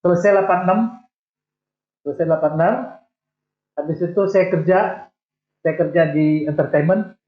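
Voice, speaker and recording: A guest in a casual interview, an Indonesian man in his sixties talks a little fast about his life, pausing often and joking lightly about himself. His voice is a bit high for a man, and the recording is tinny and phone-like with room echo.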